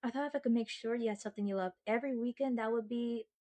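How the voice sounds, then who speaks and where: In an ASMR roleplay, a woman voices a young girlfriend speaking directly to her partner in a somewhat high, mellow voice that stays close to her everyday one. Sweet and earnest, she chats in a steady tone, halting when bashful and slipping into playful, dramatic self-mocking seriousness.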